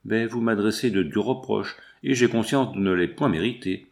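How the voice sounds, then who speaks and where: A man's voice: lowish voice, moderate pace, vocal fry. A man voicing a frightened but dignified young widow in an audiobook, pleading in a trembling voice.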